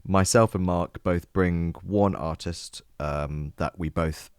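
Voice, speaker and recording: A man co-hosting a casual music podcast, with a very low, deep voice. He rambles playfully through his jokes, full of ums and asides. The sound is dry and close, with no room around him. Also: fairly even intonation, takes it slowly, darkish tone, clean tone, dry recording. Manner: playful, jokey, rambling with fillers. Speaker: podcast co-host.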